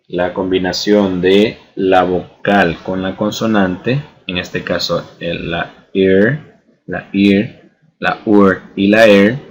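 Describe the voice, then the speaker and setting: A man's voice: deep voice, rough recording. A male teacher giving a bilingual spelling lesson, repeating each word twice and often adding "¿verdad?". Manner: mixes Spanish and English, often adds "¿verdad?".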